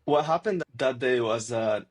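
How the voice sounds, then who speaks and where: A man's voice: medium pitch, measured pace. A young man, a student guest, telling stories loosely with lots of fillers. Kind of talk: casual interview.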